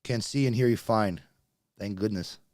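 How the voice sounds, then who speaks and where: A YouTube livestream host born in Russia, in his late thirties and speaking with a slight Russian accent from his first language, chats with his audience while dealing with technical trouble. His darkish voice sits on the low side at normal speed, recorded at studio quality with no echo.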